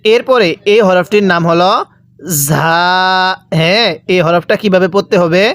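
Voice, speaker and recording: A man's voice: sits high, a little fast, clean tone, no room sound, clean studio sound. A man teaching how to pronounce Arabic letters, patiently repeating each one and asking the viewer to say it back. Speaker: Quran reading teacher. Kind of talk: step-by-step recitation lesson.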